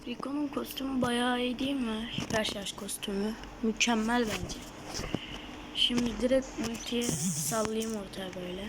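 A woman giving live gameplay commentary on her gaming channel, excitable, shouting at opponents and then dropping to a murmured whisper. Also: on the high side, moderate pace, very noisy.

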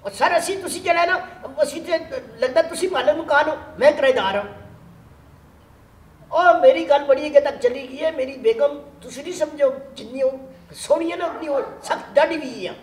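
Man as a hot-headed Pothwari landlord chasing rent, high voice, echoey room. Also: a little fast. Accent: Pothwari Punjabi. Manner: blustering, demanding, jokey. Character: short-tempered male landlord chasing rent. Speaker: comic actor playing the landlord Mithu. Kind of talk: improvised comedy sketch acting. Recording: echoey room, light noise.

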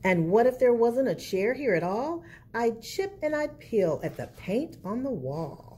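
A woman tells a picture-book story to children, moving a little slowly and delivering it expressively. Her voice is mellow and round with freely shifting pitch, set against a little background noise.

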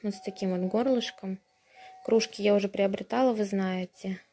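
Mellow young woman chatting casually. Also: medium pitch, steady tone, normal speed. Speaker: vlogger, mother of a baby. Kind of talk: casual unboxing vlog chat. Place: indoors at home, tiled and wooden floors. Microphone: handheld phone behind the camera.

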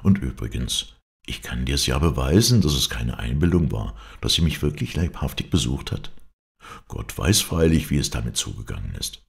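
A man's voice: extremely low pitch, lively intonation, normal speed, gravelly, exaggerated voice. A man voicing an eager, lovestruck young bridegroom in an audiobook fairy tale. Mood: earnest. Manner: eager, earnest.

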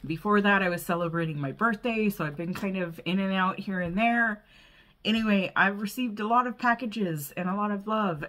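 A woman's voice: fairly low pitch, a bit bright, slight background noise. Bubbly, gushing woman vlogger. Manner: bubbly and gushing, often breathless with delight. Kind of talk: casual unboxing vlog.

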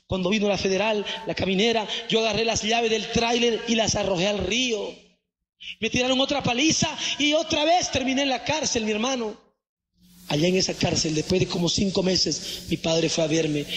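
A man's voice: high-pitched, fairly bright tone. A man giving an impassioned evangelist's testimony, calling the listener brother. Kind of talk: emotional testimony. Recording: echoey hall.

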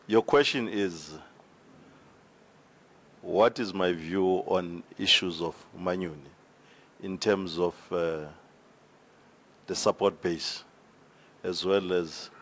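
A man with a South African accent answering formally at a town hall debate, speaking into a handheld mic in a large hall, with measured hesitations. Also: low voice, steady tone. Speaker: regional party official on a panel. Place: large indoor hall with seated audience. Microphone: handheld microphone.

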